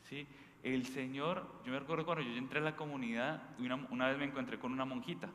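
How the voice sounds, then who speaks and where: A priest with a Bogotá Colombian accent delivers an informal sermon full of anecdotes, speaking quickly in a medium-pitched, steady, fairly bright voice. He's conversational and emphatic, often tossing short questions to his listeners. The echoey hall carries faint background noise.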